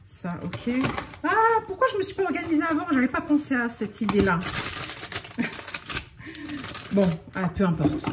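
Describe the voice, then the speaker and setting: A woman's voice: on the high side, sing-song, moderate pace, long pauses, noisy background. A woman from France in a casual unboxing vlog, talking in a scattered, self-interrupting way and getting worked up. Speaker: vlogger.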